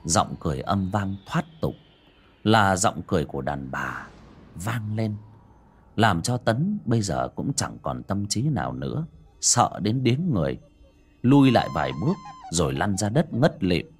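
A man reading a horror story aloud in a dramatic, expressive way. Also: deep voice, unhurried, soft background music. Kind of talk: scripted horror narration.

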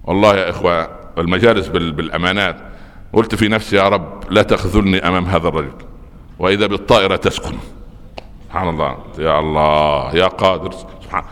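A man preaching with an Egyptian Arabic accent, telling a story with lively storytelling and voicing the people in it. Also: low voice, quick pace, in a large hall. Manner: animated storyteller, mimics the people in his story. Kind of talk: storytelling sermon.

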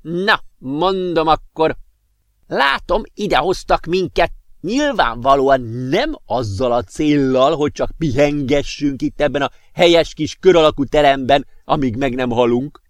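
A man doing a high croaky tipsy old professor. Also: dry recording, studio quality, lightly acted. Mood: tipsy, jolly. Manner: slow, drawn-out, giggly.

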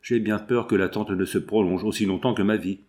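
A man's voice: lowish voice, steady tone, fairly quick, darkish tone, natural voice. A man voicing a discouraged young male draughtsman, poor and proud, read in a weary, wounded way in an audiobook. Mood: weary, hurt.

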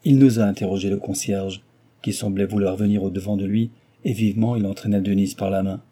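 Dark, husky male audiobook narrator. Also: lowish voice. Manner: steady and measured. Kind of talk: scripted narration of a novel.

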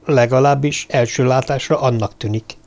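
Guy doing a rattled archaeologist, grumbly, stammers a bit, middle pitch. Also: fairly even intonation, darkish tone, lightly acted. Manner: grumbling, hesitant. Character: startled male archaeologist, grumbling, unsettled.

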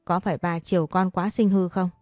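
A woman's voice: on the low side, steady tone, fairly quick, darkish tone, dry recording, studio quality, soft background music, lightly acted. A woman voicing a stern, angry middle-aged father scolding his daughter in a story.

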